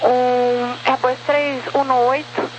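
A woman's voice: high-pitched, flat delivery, slow pace, highs cut off. A woman working as an air traffic controller, issuing terse procedural instructions over the radio. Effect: radio transmission.

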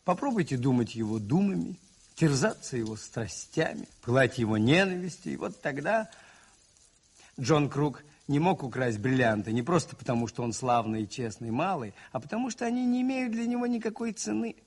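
Father Brown, earnest husky-voiced priest. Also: mid-range voice, lively intonation. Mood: earnest, reflective. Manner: earnest, moralizing, deliberate phrasing with rhetorical repetition. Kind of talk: 1980s radio play acting.

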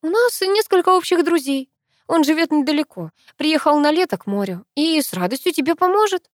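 A woman voicing a nervous young woman who squeaks when she lies. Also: animated, brisk, no echo, clean studio sound. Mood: flustered. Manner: squeaky, flustered. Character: nervous young woman, the narrator, bad at lying.

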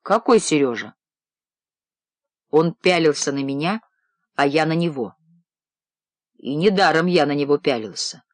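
A man reading a first-person novel aloud in a low, measured narrating voice. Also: no echo, studio quality. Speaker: audiobook narrator. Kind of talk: scripted narration.

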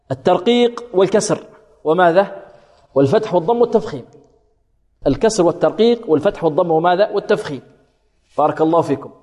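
A man with a somewhat high voice teaching Quran recitation. He poses questions to his students and answers them himself, stretching words out slowly to show how they should sound. His voice carries a long reverb. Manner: asks questions and supplies answers, repeats words slowly to demonstrate. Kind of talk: tajweed lesson with demonstrated recitation.

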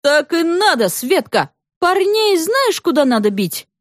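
A woman reading the lines of a blunt, loud uncle in a story, speaking emphatically and roughly. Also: very high-pitched, sing-song, unhurried, no room sound, studio quality, pitched above the performer's own voice, exaggerated voice. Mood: blunt, lecturing. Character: brash blunt uncle, man, middle-aged.

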